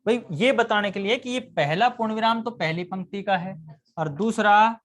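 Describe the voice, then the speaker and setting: A man's voice: high-pitched, normal speed, a bit bright. A man teaching a live grammar lesson, constantly quizzing his students with questions and answering them himself.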